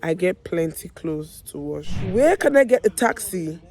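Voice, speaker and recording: This online language teacher, a Nigerian woman, is hoarse and losing her voice as she talks directly to her video audience. She says each example phrase slowly and deliberately, over and over, in a fairly low, sing-song, slightly mellow voice.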